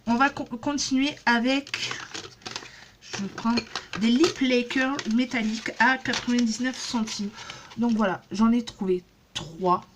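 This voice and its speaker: A woman's voice: on the high side, measured pace, background noise. A woman in her thirties chatting casually in a haul vlog, rambling with many fillers and restarts. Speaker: beauty vlogger.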